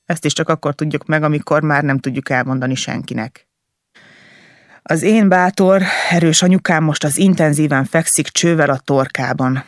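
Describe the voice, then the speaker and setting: A man narrates a first-person novel as an audiobook, delivering it intensely and emotionally in short, halting phrases. His voice is on the high side, and the recording is dry and studio quality.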